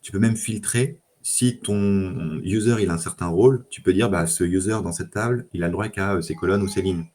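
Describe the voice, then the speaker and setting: Man, very low voice, easygoing tech podcast guest, lots of "euh". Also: moderate pace, few pauses, a little hiss or hum. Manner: relaxed, many fillers and restarts. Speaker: data engineer guest. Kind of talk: casual tech chat.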